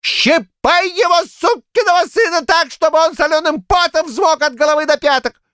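A man voicing a quarrelsome old village man in a shrill falsetto, rambling and shouting in heated bursts. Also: moderate pace, no room sound, clean studio sound. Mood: argumentative.

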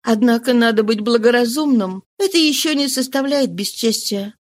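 A woman voicing an ailing young mistress who talks softly and persuasively in a read-aloud story. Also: on the high side, moderate pace, natural voice. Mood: soothing. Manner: soft-voiced, persuasive, coaxing.

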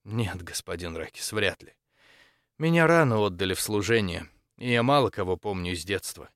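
A composed, patient church dean, a woman of quiet authority, speaks in a measured and polite way, as a male narrator puts her on. Her lines come in a slightly lifted, lowish voice. The recording is close and dry. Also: lively intonation, dry recording. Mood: calm.

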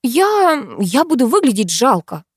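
Female narrator as an excitable young office woman, high and animated, dry close read. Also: husky, dry recording, heavily acted. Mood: anxious. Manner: pleading, impulsive, quick to panic.

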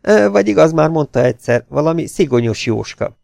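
A man reading aloud, voicing a coolly menacing gangster who speaks with smooth, mocking courtesy. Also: fairly high pitch, animated, a little mellow, no room sound, clean studio sound, faint music behind, voice pushed up. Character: mock-polite adult male gangster, cool and menacing.

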